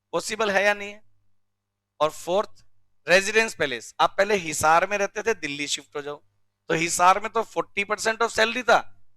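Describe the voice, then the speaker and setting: A male teacher from India giving a classroom lecture, drilling rules slowly and often checking with questions. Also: high voice, bright, forceful tone, no room sound. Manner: recites rules slowly word by word. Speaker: commerce teacher.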